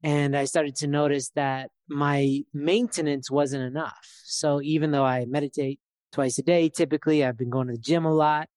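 A man's voice: a little high, level tone, moderate pace, darkish tone, dry recording, studio quality. Rambling, reflective man in his thirties. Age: 30s. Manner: reflective, loose and rambling with many fillers. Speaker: podcast co-host. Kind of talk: casual chat.

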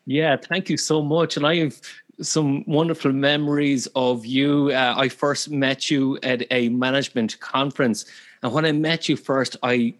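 A man's voice: medium pitch, fairly even intonation, unhurried. A man with an Irish accent hosting a podcast interview in a conversational way. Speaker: podcast host.

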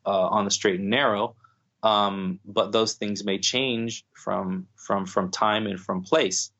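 A man's voice: fairly low pitch, a bit bright. A man speaking thoughtfully in a podcast conversation, with many restarts and fillers. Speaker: guest speaking on Islam. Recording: dull lo-fi sound.

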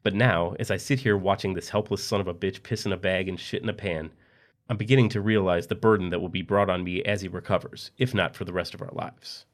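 A man reading a dark story aloud in a steady, matter-of-fact narration. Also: sits low, fast.

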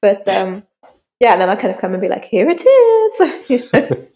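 Very animated at a normal speed, a woman author speaks in a medium-pitched, dark-toned voice. She's a guest in a casual interview, talking frankly and informally while reflecting, and the room adds a long reverb.

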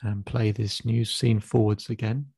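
A man with a gravelly, mellow voice leads a guided visualization as a therapist. He speaks slowly and calmly, giving step-by-step cues and counting the listener in. The sound is close and dry. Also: fairly low pitch, no room sound. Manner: slow, calm, instructive pacing with counted cues. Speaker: therapist guiding a client.

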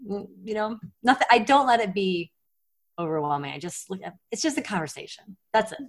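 A woman's voice: medium pitch, expressive, brisk. A woman in her forties, a mother, talking in a casual podcast interview with a chatty, sarcastic humor and frequent laughs. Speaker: guest, mother of several children.

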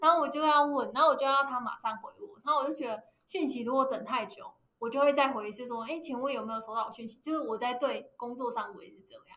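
Taiwanese lady cohost rattling off stories quick, high bright voice, laughs a lot, bit echoey room. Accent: Taiwanese Mandarin. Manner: animated storytelling, laughs often. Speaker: podcast co-host. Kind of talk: casual chat.

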